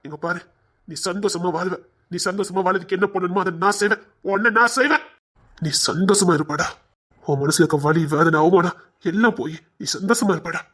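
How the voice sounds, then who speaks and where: A man's voice: high voice, fast talker, a bit bright. An actor playing a protective elder brother who soothes his family with repeated endearments, speaking with a Tirunelveli Tamil accent. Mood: consoling. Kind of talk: web serial acting.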